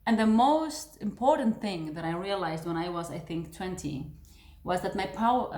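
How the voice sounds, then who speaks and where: A woman's voice: fairly low pitch, darkish tone. A woman vlogger telling a personal story to the camera in an earnest, confiding way, often restarting her sentences. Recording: roomy echo.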